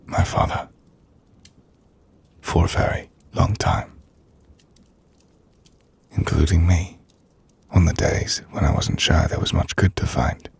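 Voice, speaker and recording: Using a full character voice, a man performs an intimate ASMR dramatic monologue as a melancholy, gentle half-vampire nobleman. He keeps it hushed and breathy, low and gravelly, slow and reflective with formal, measured phrasing.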